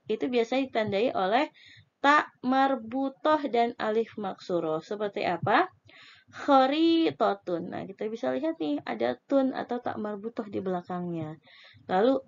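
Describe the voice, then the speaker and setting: A woman with an Indonesian accent teaching a spelling lesson, slowly dictating and drawing out example words syllable by syllable. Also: on the high side, vocal fry, highs cut off.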